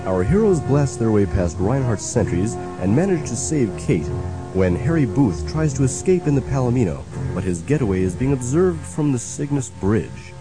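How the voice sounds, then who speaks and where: A man's voice: medium pitch, very animated, moderate pace, over music, low-quality recording. A man giving scripted narration as storyteller of a space adventure parody.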